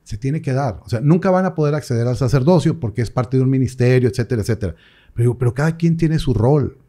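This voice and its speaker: Animated priest, mellow voice. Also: male voice, medium pitch, fast. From Mexico. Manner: animated storyteller, acts out quoted voices. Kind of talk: casual interview chat.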